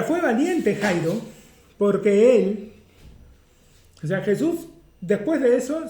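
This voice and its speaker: A man's voice: high-pitched, mellow, roomy sound. A man preaching a sermon as pastor, teaching through rhetorical questions. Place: church.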